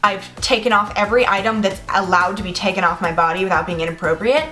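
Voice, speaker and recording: A young woman in her twenties telling a personal story to the camera, animated and profane, peppered with "like". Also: medium pitch, soft background music. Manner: animated, profane, fast bursts with lots of "like". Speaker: vlogger. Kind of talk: storytime monologue.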